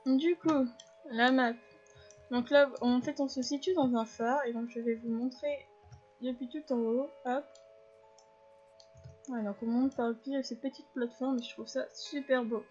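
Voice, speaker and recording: A woman's voice: high-pitched, steady tone, normal speed, long pauses, a little mellow, muffled recording. A woman giving casual gameplay commentary, chatting to viewers and explaining the controls as she plays. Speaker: gaming video host. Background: faint game music.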